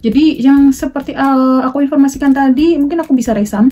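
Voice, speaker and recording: A young woman from Indonesia chatting casually to her viewers as a vlogger, mixing in English words and pausing often on fillers. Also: high voice, dark tone, muffled recording, soft background music. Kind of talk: casual talk to camera.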